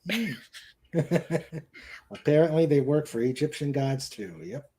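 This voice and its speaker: Speaking slowly in a warm, expressive voice of fairly high pitch, the show host runs a casual live chat at home, with a couch in the room. His reading of viewer comments is hesitant and rambling, full of repeated phrases.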